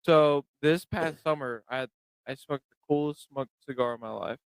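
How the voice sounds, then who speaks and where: A man's voice: on the high side, moderate pace, vocal fry, clean tone, no room sound, rough recording. A man guesting on a podcast, chatting casually over drinks, stumbling over and repeating his words as he rambles.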